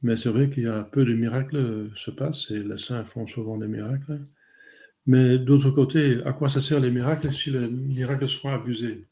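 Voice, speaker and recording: A man, a priest giving a catechism talk and answering questions in a halting way with many fillers. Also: medium pitch, steady tone, a little mellow.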